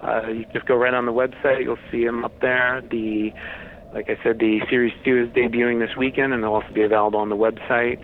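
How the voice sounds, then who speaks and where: A man's voice: medium pitch, little pitch movement, brisk. A man speaking casually as an interview guest, explaining things in a matter-of-fact way. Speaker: interview guest, horror host website runner. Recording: tinny phone-like line with faint noise.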